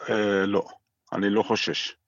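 Middle aged guy, israeli accent, lots of fry in the voice, searching for words, muffled phone call. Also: lowish voice, fairly even intonation, a bit bright, no echo. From Gaza. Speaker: interview guest by phone. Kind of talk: informal interview answers. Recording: muffled, dull phone line.

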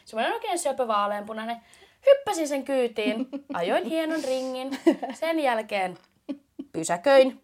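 A young woman with a Finnish accent telling a funny story on a podcast, animated and laughing. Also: high voice. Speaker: podcast co-host. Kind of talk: casual storytelling chat.

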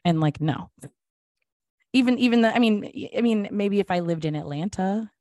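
A woman's voice: mid-range voice, lively intonation, normal speed, a little mellow, no room sound, studio quality. A woman raised in the American South, speaking frankly and emphatically as a guest in a casual podcast chat.

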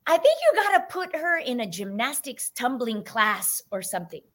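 A woman quoting a male emergency room doctor who calmly gives her mother practical advice. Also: on the high side, moderate pace. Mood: advising.

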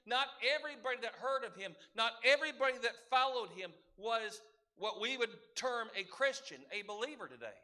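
A man's voice: very high voice, expressive, brisk, bright, forceful tone. A man preaching a sermon as a pastor, earnest and asking the congregation rhetorical questions.

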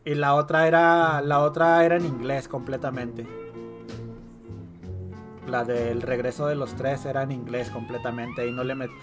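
A man's voice: mid-range voice, steady tone, normal speed. A Mexican man hosting a podcast, chatting casually about music in a slangy, rambling way. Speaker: podcast host. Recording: music behind the voice.

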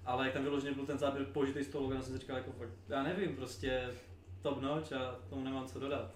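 Flat-voiced man rambling, far from the mic. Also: medium pitch. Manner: rambling, many fillers, enthusiastic fan. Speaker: podcast co-host. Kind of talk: casual chat. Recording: roomy, distant mic with faint noise.

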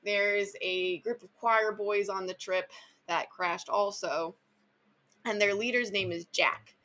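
A woman's voice: mid-range voice, steady tone, slow, pushed and bright. A woman hosting a casual book chat, enthusiastic and chatty, full of filler words. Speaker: podcast host.

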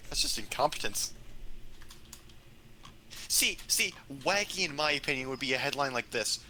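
Snarky young dude on a podcast, super bright sharp voice, cussing, faint hiss. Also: male voice, medium pitch, moderate pace. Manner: sarcastic, swears freely, animated riffing. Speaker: podcast co-host. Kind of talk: casual chat.

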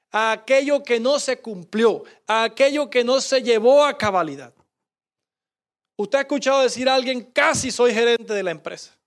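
A man preaching a sermon as pastor, impassioned, dropping to a hush when he quotes Jesus. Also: very high voice.

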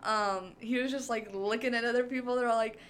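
A woman's voice: on the high side, steady tone, brisk, heavy background noise. A young woman co-hosting a podcast, recapping a show in casual chat, rambling with many fillers. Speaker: podcast co-host.

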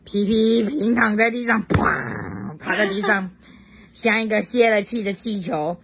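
A woman reading a children's storybook aloud at home to a child, very expressive and stopping to chat with the child. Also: medium pitch, moderate pace, a little hiss or hum. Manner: expressive, swoops up for excitement, chats with the child.

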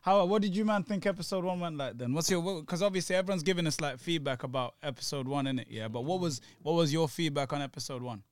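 A man's voice: a little high, fast, few pauses. A young man with a London accent hosting a casual podcast in slangy roadman talk. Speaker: podcast host. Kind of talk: casual banter.

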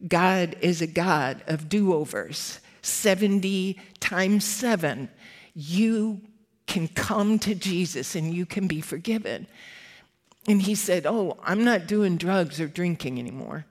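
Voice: mid-range voice, lively intonation, slow. A ministry worker giving an update, telling a personal faith story in an earnest, reflective way.

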